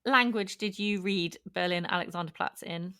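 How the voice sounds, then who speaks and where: A woman's voice: lowish voice, moderate pace, sharp tone, clean tone. A woman co-hosting a podcast in casual chat, full of encouraging interjections. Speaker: podcast co-host.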